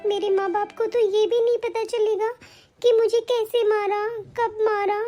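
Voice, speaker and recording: A woman voicing a wronged young wife and mother in an animated cartoon, defiant and aggrieved. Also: extremely high pitch, moderate pace, faint music behind. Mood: desperate.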